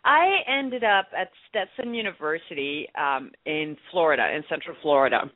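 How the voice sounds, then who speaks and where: A woman's voice: sits low, animated, normal speed, dry recording. A woman in her thirties from France with a French accent, a guest actress chatting casually and laughing easily. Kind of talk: casual interview chat. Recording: tinny dry phone-like line.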